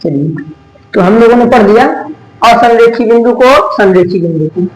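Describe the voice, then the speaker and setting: Male tutor, high-pitched, call-and-response lecturing, roomy echo. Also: darkish tone. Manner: asks questions and answers them himself, repeating key terms slowly. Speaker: maths teacher. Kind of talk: classroom lecture. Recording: echoey room.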